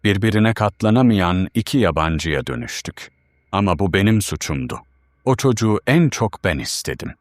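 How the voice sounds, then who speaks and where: A man voicing a guilt-ridden wife reading out her solemn, confessional farewell letter in a low, dry voice. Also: very animated, moderate pace, no room sound. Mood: remorseful.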